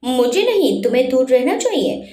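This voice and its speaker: A woman's voice: sits high, big pitch swings, normal speed, mellow, reverberant. A woman voicing a scornful young man, a rival in love, who mocks and lectures in a storybook reading. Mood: mocking. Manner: mocking, contemptuous.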